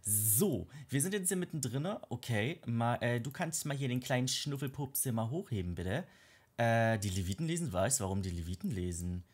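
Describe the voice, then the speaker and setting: A man hosting a casual game let's play, gushing and excitable, often squealing up high over cute moments. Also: moderate pace, husky. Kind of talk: casual gameplay commentary.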